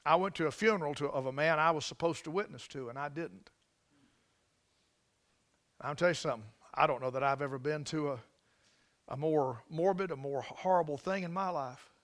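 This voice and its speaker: A man preaching a sermon, telling stories and swinging from hushed to loud and fervent. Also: a little high, normal speed, pauses often. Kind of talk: sermon storytelling.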